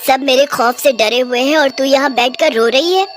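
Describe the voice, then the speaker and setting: A woman's voice: sits high, moderate pace, lightly acted. A woman voicing a menacing, hungry female witch with a gloating, cackling manner in a storybook cartoon. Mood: scornful. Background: music.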